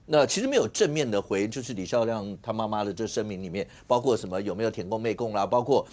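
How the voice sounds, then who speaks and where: A man's voice: on the low side, expressive, quick pace, darkish tone. A man hosting a TV political talk show, asking long, winding questions full of fillers. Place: TV studio.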